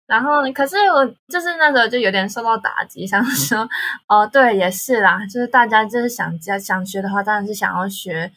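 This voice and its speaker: A young woman with a Taiwanese accent, casually telling stories in conversation in an animated way. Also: medium pitch, fairly quick, husky. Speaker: guest, language tutor.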